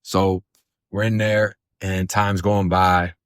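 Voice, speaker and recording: A man's voice: sits low, level tone, slow, clear, resonant tone, no echo, clean studio sound. A man from Florida casually telling his own story in blunt, profane street slang, often saying "bro" and "man". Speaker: storyteller recounting his past. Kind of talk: casual first-person storytelling.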